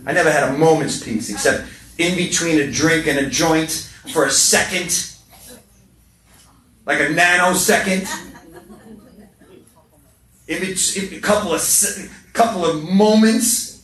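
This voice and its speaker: Brief: middle-aged man, recovery meeting speaker, passionate storyteller, slightly high voice, roomy echo, off-mic. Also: a little slow, long pauses, a bit bright, recorded from a distance. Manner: passionate storytelling with repetitions and humor. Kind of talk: speaker share talk. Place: meeting hall. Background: faint room ambience.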